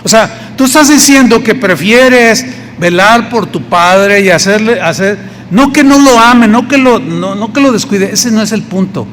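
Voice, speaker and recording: A Mexican-accented pastor preaches in a loose, conversational way, slipping into the voices of the people he quotes. His voice sits high for a man. The sermon rings through a hall with a long echo over a faint hiss of background noise. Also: animated, unhurried, fairly bright tone.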